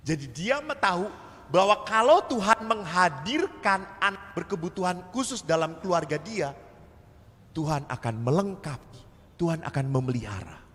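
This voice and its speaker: Animated priest in a reverberant church. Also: male voice, high voice, moderate pace. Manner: animated storyteller who acts out dialogue. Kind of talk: seminar talk in sermon style. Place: large church.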